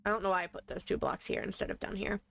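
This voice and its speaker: A woman's voice: mid-range voice, little pitch movement, fast talker, vocal fry, fairly bright tone, slight background noise. A woman streaming a video game live, chatting casually and thinking aloud as she plays. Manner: playful, answers chat.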